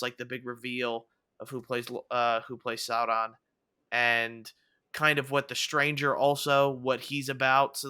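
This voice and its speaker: Podcast co-host, man, bright and forceful tone, dry close sound, talks in loose rambling runs. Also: medium pitch, clean tone, no room sound. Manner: rambling, many fillers and restarts. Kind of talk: casual chat.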